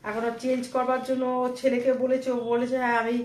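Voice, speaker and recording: A woman's voice: high-pitched, completely flat delivery, fast, mellow. A middle-aged woman, chatting casually to viewers in a home vlog. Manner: chatty, talks to viewers directly. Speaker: vlogger. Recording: roomy echo, faint ambient noise.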